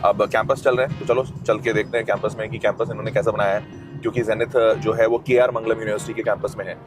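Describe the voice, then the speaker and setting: A man's voice: on the low side, little pitch movement, quick pace, music in the background. A man hosting a casual campus tour vlog, talking freely in a mix of Hindi and English as he walks around a university campus. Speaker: educator and vlogger host.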